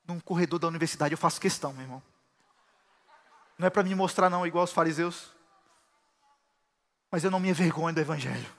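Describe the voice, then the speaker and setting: Male pastor, high voice, sermon in a reverberant hall. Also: fast, pauses often. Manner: preaching with rising shouts of praise.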